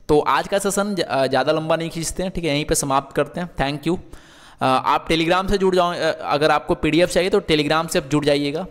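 A man's voice: fairly high pitch, in a large hall. A man teaching English verbs in Hindi, asking questions and answering them himself, with frequent checks that the class is following.

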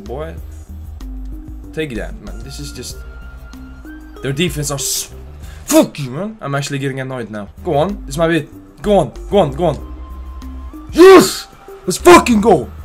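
Excitable, foul-mouthed man gaming host. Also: fairly high pitch. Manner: excitable, trash-talks players, shouts at goals. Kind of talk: casual profane gameplay commentary.

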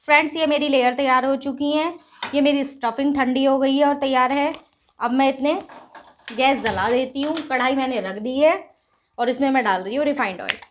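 This is a high-pitched female voice over a faint hiss or hum. She runs a cooking channel and patiently guides viewers through every step of a recipe at the gas stove in her home kitchen, teaching them as if they were friends.

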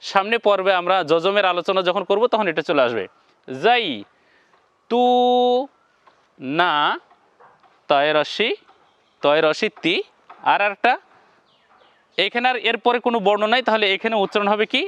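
A man teaching Quran reading in a slow, step-by-step lesson, spelling out syllables one by one and then chanting the whole words. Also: high voice, animated, fairly bright tone, clear, resonant tone, no room sound.

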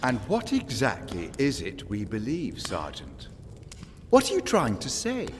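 An actor playing a smug old pagan island lord in an audio drama, pompous, taunting and silkily eloquent. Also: male voice, mid-range voice, wildly swooping pitch, measured pace, long reverb tail, a little hiss or hum. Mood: mocking, silky. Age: older.

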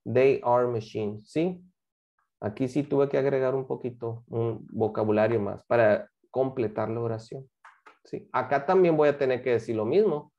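A woman's voice: very deep voice, normal speed, warm tone, lo-fi sound. A woman, teaching English and explaining homework to a class, patient and often checking that students follow. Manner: patient, checks understanding with frequent questions.

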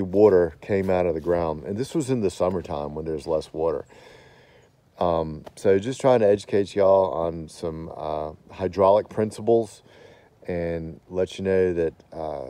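A landscaping contractor walks through a wooded backyard explaining things in a folksy, plain way, recording on the phone in his hand. He has a deep, mellow voice at a moderate pace, and there's no room sound.

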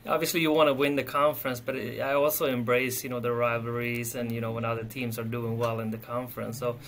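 A man in his thirties from Sweden, speaking English with a Swedish accent as a soccer coach, relaxed and often repeating words while he thinks, on a video call from an office. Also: medium pitch, quick pace, slight background noise. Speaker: head soccer coach, guest. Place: office with window. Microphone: webcam on video call.

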